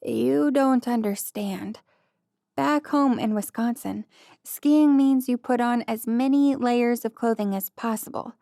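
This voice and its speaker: A modest young woman, flustered and pleading, out of her depth, as a woman narrator reads her. Her voice sits fairly high and the recording is dry and close. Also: measured pace, gravelly, warm tone, no echo. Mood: fretting. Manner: pleading, self-deprecating.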